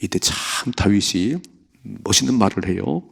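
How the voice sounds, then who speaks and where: Gravelly-voiced Korean pastor preaching. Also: male voice, on the low side, measured pace. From South Korea. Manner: animated, acts out the story's voices. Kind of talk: early morning prayer sermon.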